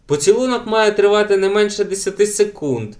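A man's voice: high-pitched, expressive, fairly quick, pitched above the performer's own voice. A man voicing a cocky young boy who insists on the rules in a raised voice. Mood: insistent.

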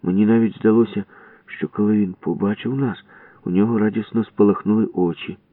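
A man's voice: fairly low pitch, fairly even intonation, fairly quick, no echo. A man reading a first-person children's story aloud expressively, on a distant, tinny radio recording. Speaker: reader.

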